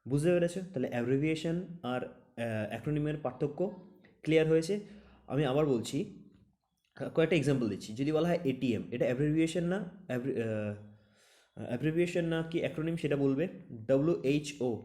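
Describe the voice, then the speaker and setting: A man with a fairly high, mellow voice teaches vocabulary for exam prep, speaking fast but pausing often. He explains with plenty of examples and asks "understood?" after each point.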